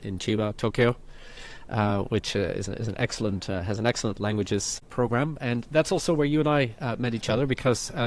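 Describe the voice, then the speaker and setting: A man's voice: mid-range voice, darkish tone. A man hosting an informal podcast conversation, speaking thoughtfully and circling back with fillers and restarts. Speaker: podcast host.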